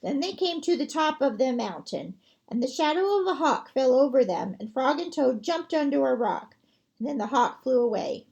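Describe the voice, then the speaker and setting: A woman librarian reading a picture book aloud to children, gentle and expressive. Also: high-pitched, moderate pace, vocal fry, highs cut off.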